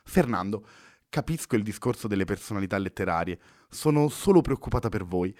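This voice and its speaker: A man's voice: lowish voice, animated, a little fast, a little mellow, natural voice. A man reading as a polite young woman. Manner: polite, formal questions. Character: young woman, curious and cautious.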